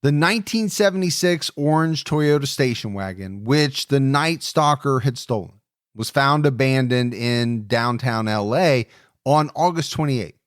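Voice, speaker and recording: A man's voice: medium pitch, lively intonation, measured pace, no room sound, studio quality. A man co-hosting a true crime podcast, talking in a conversational, emphatic way and reading case narration. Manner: conversational, emphatic, restarts phrases. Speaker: podcast co-host.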